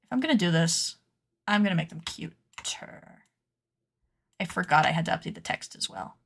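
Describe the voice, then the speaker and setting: A woman streaming casually while she works at a computer, playfully dramatic as she scolds her sewing patterns out loud. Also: fairly low pitch, animated, normal speed, vocal fry, slightly rough. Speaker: cosplay pattern maker and streamer. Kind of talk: casual livestream chat while working at a computer.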